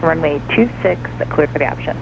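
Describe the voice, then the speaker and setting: A man's voice: on the high side, fairly quick, gravelly. A man working as an air traffic controller, heard over an aircraft radio and giving clipped, businesslike instructions. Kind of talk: rapid radio phraseology. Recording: muffled radio with engine noise.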